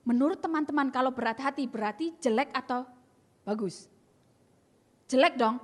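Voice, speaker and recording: A woman's voice: high voice, moderate pace. A young adult woman giving an earnest testimony sermon, telling her story emphatically and acting out the dialogue. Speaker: speaker sharing a testimony. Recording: long reverb in a large hall.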